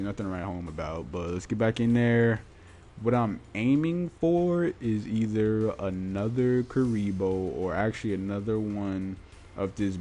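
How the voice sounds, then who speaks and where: A man's voice: fairly low pitch, warm tone. A man hosting his own gaming podcast, talking informally and colloquially in casual solo commentary. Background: music.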